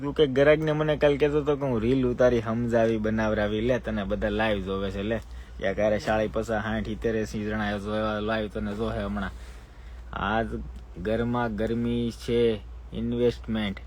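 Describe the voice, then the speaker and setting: Man pitching stock live. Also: little pitch movement, normal speed, a little mellow, a little hiss or hum. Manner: chatty, breaks off to give staff orders. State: sleepy. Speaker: shop seller hosting a live sale. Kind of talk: live-stream sales talk. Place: air-conditioned shop, indoors.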